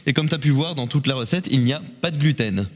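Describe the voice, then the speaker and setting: A man's voice: mid-range voice, fast talker, big-room sound. A man hosting a playful quiz on a local live show, joking and laughing often between questions.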